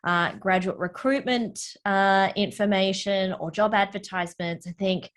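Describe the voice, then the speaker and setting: A woman's voice: medium pitch, fairly even intonation, a little slow. A woman moderating a panel, upbeat and engaged as she puts questions to the guests.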